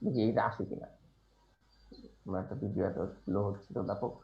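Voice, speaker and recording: A man's voice: lowish voice, fairly even intonation, fairly quick, gravelly. A man teaching a live online class, correcting a student's pronunciation patiently with some fillers. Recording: dull, echoey room sound.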